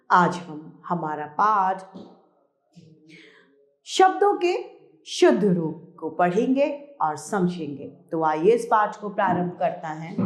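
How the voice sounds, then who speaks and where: Woman teacher doing a kids lesson, slow, very up and down, roomy echo. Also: mid-range voice. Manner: slow, emphatic, stresses key words. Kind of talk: children's grammar lesson.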